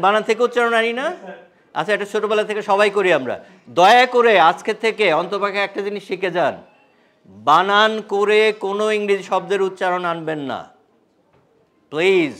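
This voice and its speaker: A man's voice: sits high, fairly bright tone. A middle-aged man, running a live English communication workshop and quizzing his audience in Bengali mixed with English.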